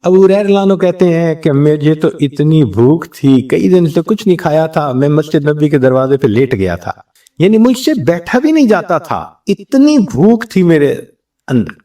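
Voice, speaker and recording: A man's voice: fairly high pitch, very animated, dark tone. Man preaching a story-driven sermon, distant. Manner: storytelling, acting out quoted exchanges. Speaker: religious scholar.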